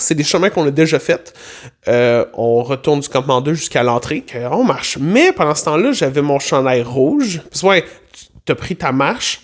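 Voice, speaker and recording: A man with a Québécois French accent chats through a travel anecdote as a casual vlog. His voice sits somewhat high for a man. He stays animated and playful and keeps breaking off into little asides. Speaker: vlogger and music teacher.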